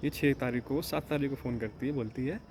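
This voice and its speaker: A man who teaches yoga courses, talking in a rambling casual monologue and retelling phone calls in quick quoted bits. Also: medium pitch, a little mellow, slight background noise.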